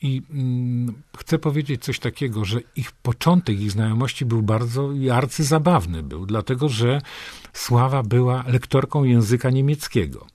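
Measured older man, dry close sound. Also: mid-range voice, a little mellow, no echo. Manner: slow, measured reading with hesitant fillers in talk. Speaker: guest reminiscing about a poet friend. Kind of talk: recalling anecdotes and reading poetry aloud.

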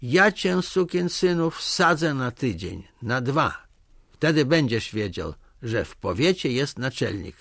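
A man voicing a blustering male district chief who shouts threats and insults at a village head, in a storybook reading. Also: mid-range voice, big pitch swings, unhurried, slightly rough, dry recording, clean studio sound, heavily acted. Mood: angry.

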